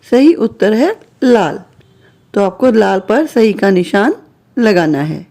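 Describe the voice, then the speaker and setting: A woman's voice: mid-range voice, very animated, takes it slowly, dark tone. A woman teacher patiently taking young pupils through workbook answers, reading out each word one at a time. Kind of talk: slow classroom exercise walkthrough.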